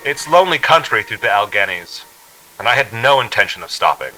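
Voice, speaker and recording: A young traveler in a radio suspense play. His voice is sharply bright and tense, with an uneasy storyteller's delivery. Music plays faintly behind him. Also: fairly low pitch, big pitch swings, a little fast, rough recording. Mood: brooding, uneasy. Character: uneasy young man narrating his eerie road trip. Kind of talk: radio drama acting, first-person suspense narration.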